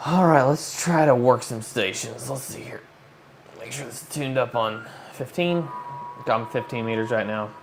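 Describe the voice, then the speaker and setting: Hosting a hobby livestream, this amateur radio operator chats informally and reasons aloud while demonstrating something to viewers. His voice is mid-range at a moderate pace, and crowd noise adds to the noticeable background noise.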